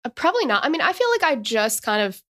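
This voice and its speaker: A woman's voice: a little high, very animated, fast, sharp tone. A woman in her thirties co-hosting a casual true-crime podcast, chatting and reading case notes with asides. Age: 30s. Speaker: podcast co-host.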